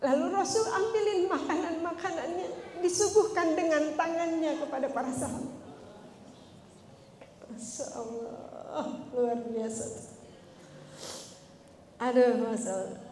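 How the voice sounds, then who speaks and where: A woman preacher, telling stories in a lively, chatty way and acting out the voices. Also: high voice, unhurried, pauses often, slight background noise. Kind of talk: casual religious talk to women. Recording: echoey hall with faint ambience.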